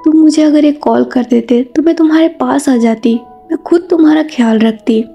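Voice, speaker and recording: Lady reading as a strict worried mom, scolding, kinda high voice, soft and mellow tone. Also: normal speed, creaky, faint music behind. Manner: scolding, insistent. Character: stern worried mother, protective and quick to anger.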